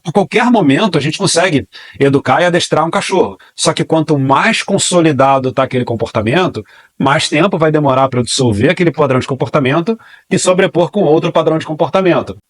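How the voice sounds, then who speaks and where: Brazilian male dog trainer, quick and fairly high voice, dry close sound, rhetorical teaching style. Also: no echo. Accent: Brazilian Portuguese. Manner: explanatory, repeats key phrases, asks and answers own questions. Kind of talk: online training class.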